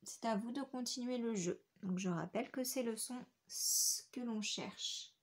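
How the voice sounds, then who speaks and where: A woman teacher giving a phonics lesson to young children, speaking clearly and repeating each word syllable by syllable. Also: fairly high pitch, a little slow. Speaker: schoolteacher.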